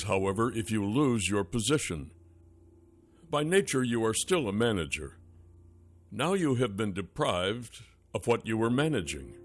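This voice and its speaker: Low-voiced man reading an audiobook. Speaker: audiobook narrator. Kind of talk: scripted audiobook narration.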